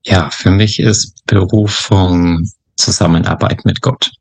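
A man in his thirties from Upper Franconia speaks as a guest on a podcast interview. His voice is low, gravelly and a little husky, and he talks calmly with small hesitations. The recording is dry and close. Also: slow, dry recording. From Upper Franconia, Germany. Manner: calm, quiet, hesitant with fillers. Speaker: missionary guest.

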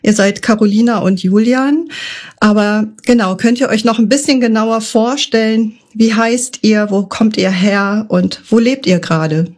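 A woman's voice: medium pitch, a little slow, darkish tone. A woman hosting a podcast interview, asking her guests friendly questions.

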